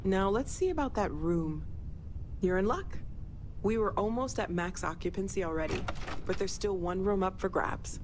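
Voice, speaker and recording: For a video game, an actress reads scripted dialogue as a warm, reflective young female scientist who comes across sincere, unsure and slightly awkward. Her mid-range voice is natural and animated at a moderate pace, with background noise and ambience clearly present.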